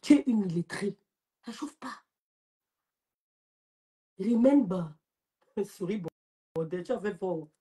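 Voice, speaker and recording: A young woman with a Cameroonian French accent hosts a social media live, berating and mocking a rival in a taunting rant. Her mid-range voice is animated, husky and dark in tone, moving at a normal speed.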